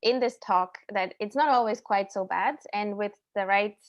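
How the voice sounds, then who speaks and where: A woman from Slovakia in her thirties giving a technical conference talk over a video call, explaining clearly with some ums and self-corrections. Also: mid-range voice, normal speed, dull audio. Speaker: invited speaker. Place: indoor room at home or office.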